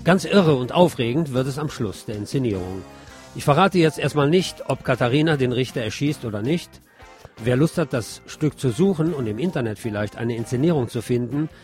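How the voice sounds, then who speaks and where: Speaking with a medium-pitched voice, a radio host delivers a theater review as an expressive solo monologue, using formal address toward his audience.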